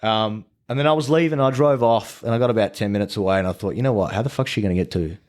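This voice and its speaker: Podcast guest: Australian man with a deep voice, casual and profane storyteller, acts out dialogue. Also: very fast. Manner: swears freely, animated retelling of conversations.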